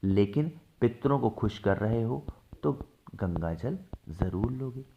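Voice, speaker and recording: A man teaching household ritual steps, often asking a question and then answering it himself, slowing down to stress key steps. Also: medium pitch, lively intonation, dull audio. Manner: asks and answers his own questions. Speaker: religious ritual instructor. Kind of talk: devotional how-to teaching.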